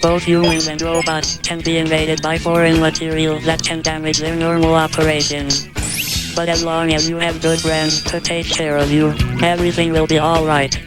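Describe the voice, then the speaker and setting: A text-to-speech voice playing a polite, logical boy robot in a cartoon dub, speaking in flat, formal robotic phrasing. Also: mid-range voice, normal speed, loud music behind the voice, lightly acted. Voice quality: synthetic computer voice.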